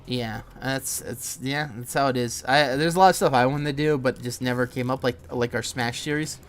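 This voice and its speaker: A man's voice: medium pitch, moderate pace, smooth. A man chatting casually while playing a video game, rambling with frequent restarts and plenty of swearing. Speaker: gaming streamer.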